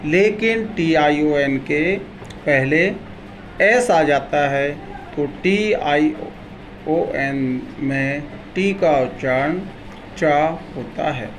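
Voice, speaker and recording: A man teaching English pronunciation, who spells each word out letter by letter in an Indian accent and then says it in slow, deliberate dictation. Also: a little high, a little hiss or hum, poor audio. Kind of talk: spelling out words letter by letter, then pronouncing them.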